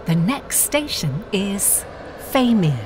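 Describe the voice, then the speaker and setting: A woman's recorded train announcement, her words spliced together piece by piece, delivered in a measured, evenly paced way. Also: medium pitch, sing-song, noisy background. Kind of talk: automated announcement.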